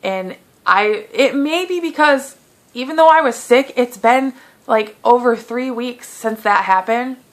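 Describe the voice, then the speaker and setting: A woman in her late twenties, a beauty vlogger, chats through a casual Q&A with lots of fillers and animated quoting. She has a lingering cough and clears her throat. Her voice is a little high and a little slow.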